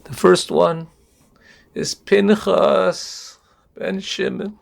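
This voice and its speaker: A dazed, grieving father, voiced by a male storyteller answers in halting, tearful phrases. His voice sits a little high with a gravelly rasp. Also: fairly even intonation, exaggerated voice.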